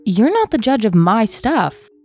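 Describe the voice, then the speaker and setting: A woman's voice: a little high, big pitch swings, measured pace, a little mellow, faint music behind, pitched above the performer's own voice. A woman voicing a frustrated young boyfriend, speaking raised and indignant.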